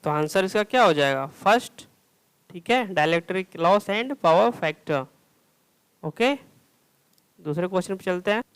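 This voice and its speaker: Man, lecture style, slow, clear smooth voice, reads questions then explains. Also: high-pitched, expressive, a bit bright, low-quality recording. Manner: reads English questions slowly, explains in Hindi with repeated "theek hai". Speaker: teacher. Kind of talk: exam-prep lecture solving multiple-choice questions.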